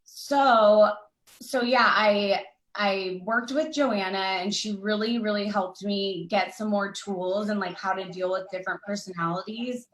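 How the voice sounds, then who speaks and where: A woman's voice: medium pitch, fairly even intonation, unhurried, fairly bright tone. Chatty woman on an echoey call. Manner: rambling, chatty, many fillers. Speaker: panelist. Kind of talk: casual panel conversation.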